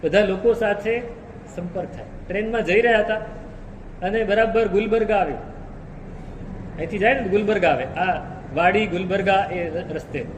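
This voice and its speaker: A man with a high voice delivers a sermon, telling a long story and repeating key phrases to drive them home. His voice rings through a reverberant hall, with faint room noise behind him. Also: moderate pace, long pauses. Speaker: preacher.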